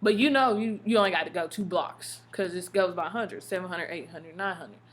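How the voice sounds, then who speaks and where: An American woman telling stories in a casual, slangy vlog style, expressive and full of emphatic asides. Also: fairly low pitch, brisk. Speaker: vlogger. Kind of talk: casual chatty storytelling vlog.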